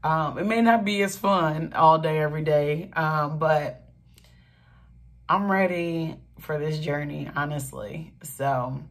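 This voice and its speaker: A young woman talking earnestly in a casual get-ready-with-me vlog, with many pauses and fillers. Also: low-pitched. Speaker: vlogger.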